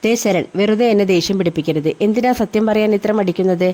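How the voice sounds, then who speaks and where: A woman's voice: mid-range voice, fast talker, dark tone, natural voice. A woman voicing a firm protective older brother. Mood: lecturing. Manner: firm, lecturing. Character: protective elder brother, young businessman, firm.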